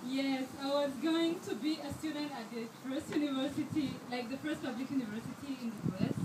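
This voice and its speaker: At a fundraiser in an echoey event hall, a Rwandan scholarship student in her twenties speaks earnestly in a brisk, high-pitched voice, often restarting and using fillers. Because she holds the handheld mic too far away, she sounds distant over the background noise.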